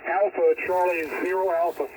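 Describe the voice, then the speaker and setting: A man's voice: sits high, little pitch movement, normal speed. Brief: a man heard on a ham radio call, faraway and buried in static hiss, clipped operator talk. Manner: terse radio-style exchange of call signs and signal reports. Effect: voice heard through a ham radio receiver. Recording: distant, hissy shortwave radio reception.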